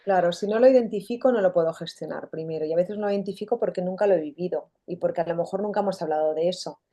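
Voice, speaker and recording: Woman with a mellow, warm voice. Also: fairly low pitch, rapid-fire. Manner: animated, acts out quoted dialogue. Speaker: guest author. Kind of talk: conversational interview.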